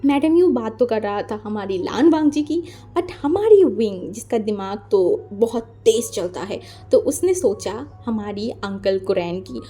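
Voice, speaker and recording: A woman's voice: mid-range voice, animated, measured pace, dark tone, soft background music. A woman casually narrating a fan fiction story in a chatty, conversational way. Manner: chatty, conversational, mixing in English words.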